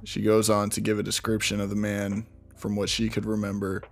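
Low, flat-voiced man telling a crime story. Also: fairly quick, creaky, faint music behind. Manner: conversational, with frequent restarts and asides. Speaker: true crime podcast host. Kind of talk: casual storytelling narration.

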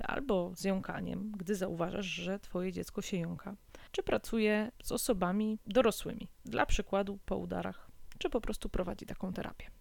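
A woman hosting an informative podcast, explaining calmly and steadily. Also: medium pitch, creaky, dry recording. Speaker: podcast host.

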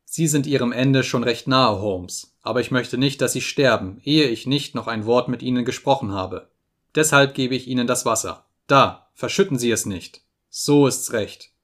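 A man reading an audiobook, voicing a cruel, mocking visitor who taunts a sick man in a sharp tone. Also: mid-range voice, moderate pace, natural voice. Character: sneering sinister male visitor, mocking and cruel.

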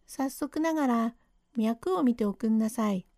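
A woman's voice: on the high side, measured pace, gravelly, darkish tone, no room sound, clean studio sound. Woman doing a deaf, humble old father. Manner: polite, rambling, mishears everything. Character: elderly male plasterer's father, hard of hearing, humble. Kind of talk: rakugo storytelling reading.

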